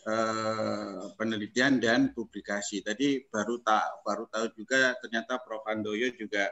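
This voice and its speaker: A man's voice: on the low side, fairly even intonation, unhurried, bright, forceful tone. Easygoing male professor from Surabaya, jokey casual meeting talk. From Indonesia (Surabaya). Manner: jokey, laughs between points. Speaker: visiting professor.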